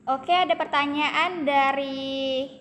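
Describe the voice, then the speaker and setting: Young woman host, high-pitched, reads questions casually, roomy echo. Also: steady tone, slow pace, a bit bright. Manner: reads listener questions, sums up answers. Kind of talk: casual podcast chat. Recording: echoey room with faint noise.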